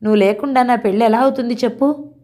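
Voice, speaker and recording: A woman voicing an earnest young man who gently pleads and reassures his bride, in a mellow voice. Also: a little high, fairly even intonation, quick pace, voice pushed up, natural voice. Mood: tender.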